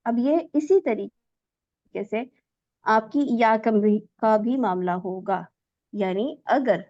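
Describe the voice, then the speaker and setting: A woman's voice: mid-range voice, a little mellow, no room sound, lo-fi sound. A woman teaching Quran recitation in an online class, asking her students questions, praising their answers and sounding out letters for them. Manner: demonstrates letter sounds aloud.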